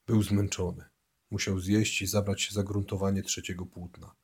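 A man reading a novel aloud as scripted audiobook narration, voicing the dialogue a little louder and livelier than the narration. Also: low-pitched, level tone, moderate pace, husky.

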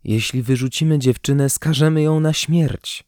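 A kind village woman from a spoken storybook, warm and pleading as she stands up for a stranger, with a male narrator lifting his voice for her. It is voiced higher than his own low tone, and the sound is dry and close. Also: normal speed, no room sound, natural voice. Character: kind fair-haired village woman, protective.

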